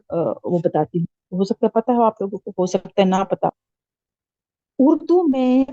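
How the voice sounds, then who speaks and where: Patient woman teaching letters slowly. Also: on the high side, warm tone, no room sound. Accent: Urdu-speaking Pakistani. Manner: patient, checks understanding often; slow drawn-out letter recitation. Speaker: Quran teacher. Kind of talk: classroom lesson. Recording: dull lo-fi sound.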